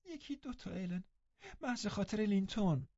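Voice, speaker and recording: A man's voice: sits high, animated, darkish tone, no room sound, dull audio, pitched above the performer's own voice. A man voicing a breathless, pleading teenage girl. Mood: desperate.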